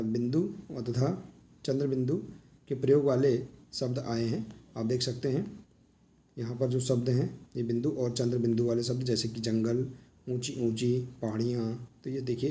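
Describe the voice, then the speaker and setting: A man with a mellow, dark-toned voice teaches a workbook lesson in a patient, explanatory way. He keeps pointing listeners to the examples in front of them. His pitch sits at an ordinary middle level. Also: steady tone, moderate pace, a little hiss or hum. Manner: explains patiently, often saying "देखिए" while pointing to examples.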